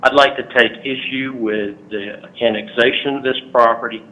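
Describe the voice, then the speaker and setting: A man's voice: medium pitch, fairly even intonation, normal speed. A man calling in over the phone to make an earnest public comment at a hearing, reading from prepared notes with frequent "uh" fillers. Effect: heard over a phone line. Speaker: resident speaking at a public hearing. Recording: tinny phone line with faint noise.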